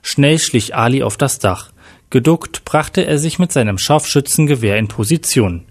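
A man narrating a story with plain, steady reading. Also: medium pitch, moderate pace. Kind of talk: read-aloud story narration.

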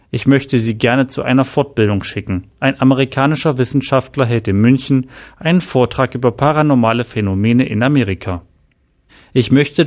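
A man's voice: medium pitch, darkish tone, natural voice. A man voicing a stern male police chief in a read-aloud story, formal and emphatic.

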